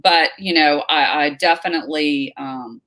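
Speaking low and at a measured pace, a middle-aged North Carolina woman shares stories as an interview guest. The conversation is casual, and her lively telling is full of fillers and restarts.

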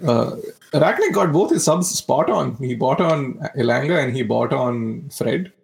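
A man's voice: medium pitch, expressive, measured pace, creaky, a little mellow. A man chatting casually about football, telling stories with animation, swearing and laughing often.

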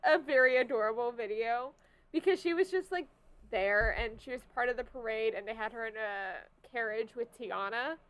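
Casting: female co-host, slightly high pitch, informal delivery of entertainment news and casual chat. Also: normal speed, fairly bright tone, clean tone, rough recording. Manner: informal, loose paraphrasing between read items. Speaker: podcast co-host. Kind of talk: entertainment news podcast, reading items and chatting.

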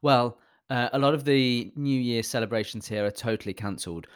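A man's voice: mid-range voice, brisk, clean tone. A British man co-hosting a podcast in casual, wry banter, often starting his sentences over. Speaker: podcast co-host. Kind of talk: casual chat.

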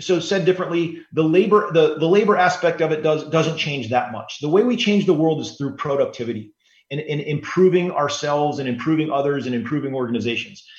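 A man in his forties, a guest author on an interview podcast, explaining in an earnest, steady way. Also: fairly high pitch. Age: 40s. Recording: roomy, slightly dull sound.

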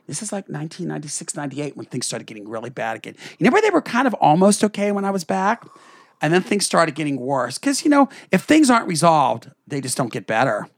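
Gravelly, swooping, theatrical middle-aged man. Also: on the high side, no room sound. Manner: theatrical, swooping voice, profane and blunt. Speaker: podcast co-host. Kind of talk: candid family storytelling.

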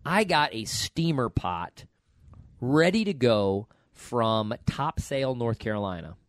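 A man hosting a podcast in casual, jokey chat, his voice hoarse and raspy from allergies, like a smoker's rasp. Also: medium pitch, sing-song, slow, no echo. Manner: jokey, colloquial. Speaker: podcast host.

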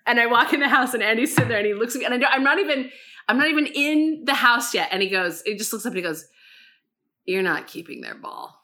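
A woman chatting casually, telling a story in an animated way, acting out quotes and laughing often. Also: fairly high pitch, very fast.

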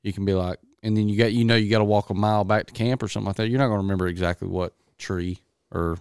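Deep, smooth Southern man, laid-back. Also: fairly even intonation, rapid-fire, darkish tone, dry recording, studio quality. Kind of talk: casual chat.

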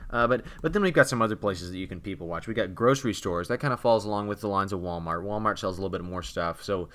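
A man's voice: fairly low pitch, fast talker, fairly bright tone. A man co-hosting a podcast in casual comedic chat, joking and opinionated, with long rambling asides. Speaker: podcast co-host.

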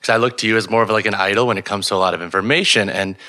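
A man with a lowish but very bright, forward voice hosts a podcast interview. He asks earnest, admiring questions and hedges with "kind of". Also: fairly even intonation, racing. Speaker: podcast host.

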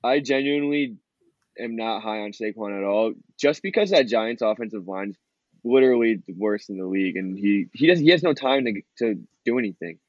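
A man co-hosting a casual sports betting talk show, speaking in halting bursts full of restarts. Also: fairly low pitch, expressive, a little mellow, no room sound. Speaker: podcast co-host. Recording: dull lo-fi remote line.

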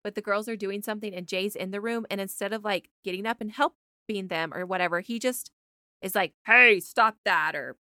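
A woman's voice: mid-range voice, fairly quick, a bit bright, no echo, clean studio sound. A woman in her thirties co-hosting a podcast, chatting casually and filling her talk with "like". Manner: chatty, fills with "like". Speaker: podcast co-host. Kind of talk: casual chat.

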